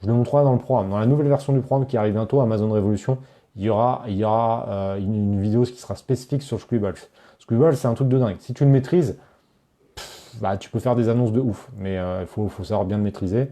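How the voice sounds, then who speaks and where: This time the course creator's voice is lowish and mellow, and he talks fast during his live Q&A stream. Addressing viewers directly, he reads questions from the chat and responds casually, often restarting and using fillers.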